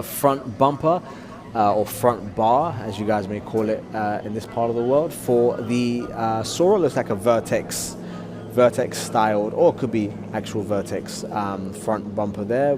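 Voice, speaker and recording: A man giving live motorsport play-by-play commentary, explaining things in a measured, casual way. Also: lowish voice. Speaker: commentator and drift driver. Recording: clear outdoor vehicle noise. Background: cars and outdoor ambience.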